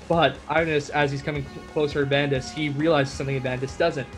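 A man's voice: a little high, steady tone, brisk, soft background music. A man hosting a podcast and recapping a story in a casual, chatty way with many fillers. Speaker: podcast host.

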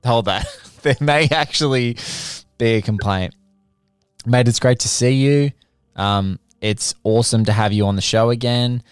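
A man's voice: mid-range voice, measured pace, clean tone, no echo, clean studio sound, soft background music. A man hosting a podcast in a casual, effusive, rambling way with colloquial turns of phrase. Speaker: podcast host.

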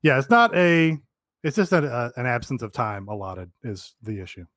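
A man's voice: medium pitch, very animated, normal speed, fairly bright tone, dry recording. Laid-back male podcast co-host, dry sound. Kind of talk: casual chat.

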